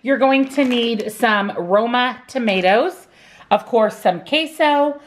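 Speaking slowly in a slightly high voice, a woman who coaches nutrition and vlogs about meal prep talks viewers through her week's cooking. Her casual voice-over is cheerful and chatty, covering each step as she goes.

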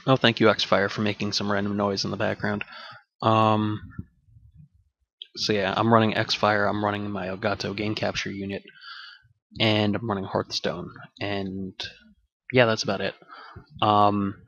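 A man with a low voice gives rambling, offhand commentary over a video game, dropping swear words as he goes. His desk microphone gives a dull, dry sound and picks up the game audio playing nearby. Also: flat delivery, unhurried, creaky, long pauses, a bit bright, dry recording. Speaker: gaming channel host. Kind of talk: casual gameplay commentary. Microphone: desk microphone with game audio bleeding in. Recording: dull, dry home recording.

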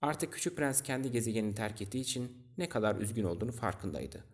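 A man narrating a children's storybook audiobook in a calm, steady reading voice. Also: fairly low pitch, quick pace.

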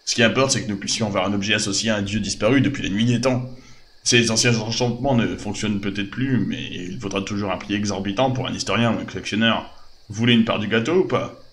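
A man's voice: lowish voice, fast talker, fairly bright tone, slight background noise, close to an everyday voice. A man voicing a greedy, dismissive treasure hunter in a fantasy video game. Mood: impatient. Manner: impatient, dismissive.

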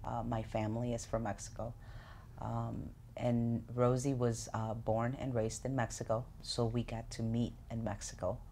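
A woman in her forties from Chicago, speaking casually in an interview, telling her family's story frankly with many pauses and fillers. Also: very deep voice, level tone, creaky, mellow, soft background music. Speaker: interviewee, co-parent. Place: living room, sitting on a sofa.

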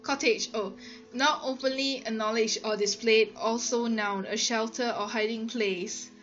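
Hosting a let's play, a woman with a Singaporean accent thinks aloud, reads aloud and exclaims casually while working through a word game. Her fairly high, fairly bright voice holds a steady tone at an unhurried pace. The audio is muffled and lo-fi, with music underneath.

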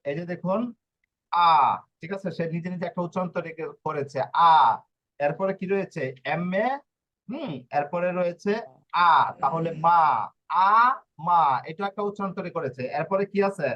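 A man's voice: high voice, normal speed, long pauses. A man teaching an Italian spelling lesson, patiently explaining and checking in with his students again and again. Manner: patient, repeats points and checks in with "okay?". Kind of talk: live online class in Bengali. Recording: dull lo-fi audio.

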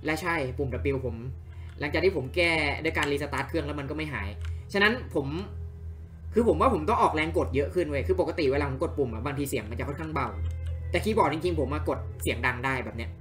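A man's voice: on the high side, expressive, fast talker. A man streaming a video game, chatting casually in a rambling, apologetic way as he plays. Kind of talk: casual let's-play commentary. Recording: faint game music behind.

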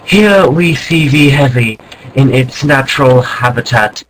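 A man's voice: mid-range voice, measured pace, rough recording. Man narrating a mock nature documentary. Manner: mock-serious, deadpan, with sudden startled exclamations.

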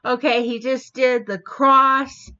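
Slow, bright-voiced woman breaking down lyrics. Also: sits high, little pitch movement. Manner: slowly explains wordplay line by line. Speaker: reaction video host. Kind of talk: casual commentary. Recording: dull lo-fi audio.

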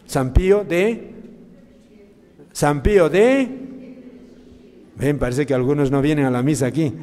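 A man preaching a sermon as a priest, asking the congregation many questions, with big swings in loudness and pitch. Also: long reverb tail. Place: church during mass.

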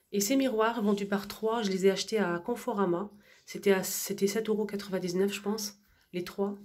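A woman's voice: medium pitch, darkish tone, reverberant. Hesitant woman giving a home tour. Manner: hesitant, many fillers and restarts. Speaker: home decor vlogger. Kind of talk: casual voice-over room tour.

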